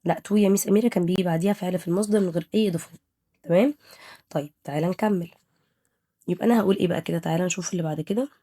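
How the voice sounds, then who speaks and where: Fast-talking Egyptian woman teaching English. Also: fairly low pitch, dark tone. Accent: Egyptian Arabic. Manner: drills students with quick questions and answers; switches between Arabic and English words. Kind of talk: exam review lesson.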